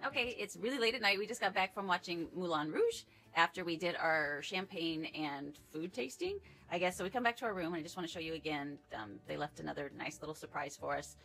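Chatty, low-voiced woman vlogging. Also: animated, fairly quick, vocal fry, fairly bright tone, faint music behind, poor audio. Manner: chatty and upbeat, with fillers. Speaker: travel vlogger. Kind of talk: casual travel vlog narration.

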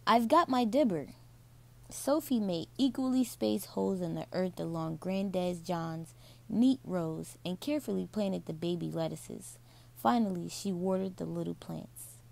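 Slow, gravelly woman reading a bedtime story. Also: on the low side, warm tone.

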